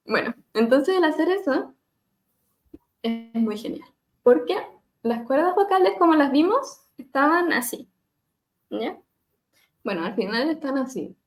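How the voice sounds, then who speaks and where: High-voiced woman teaching vocal exercises. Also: expressive, moderate pace. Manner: gentle, demonstrates hums and glides, laughs at herself. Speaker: speech therapist leading a webinar. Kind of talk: live webinar lesson on vocal exercises.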